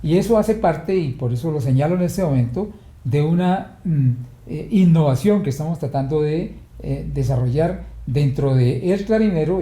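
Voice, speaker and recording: A man interviewing a guest formally, speaking slowly and often pausing to search for words. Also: on the high side, warm tone, roomy sound. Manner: slow, measured, searching for words.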